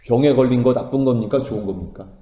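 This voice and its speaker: A man's voice: medium pitch, fast, dark tone, highs cut off. A man, a pastor, preaching a sermon, asking the congregation questions and answering them himself. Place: church sanctuary. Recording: echoey church hall with long reverb.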